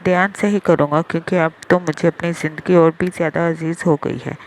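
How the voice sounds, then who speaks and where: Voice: mid-range voice, steady tone, brisk, slight background noise, natural voice, rough recording. A reader voicing a brash, possessive young man who teases and turns to threats. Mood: teasing. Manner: playful, possessive, flares into threats. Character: brash, teasing young male hero.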